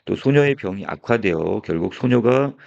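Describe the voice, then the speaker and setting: A man's voice: lowish voice, animated, normal speed, gravelly, darkish tone. A male teacher giving a classroom lecture on a story, explaining scene by scene and opening many phrases with a filler. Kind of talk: classroom lecture on a literary text. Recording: dull lo-fi recording.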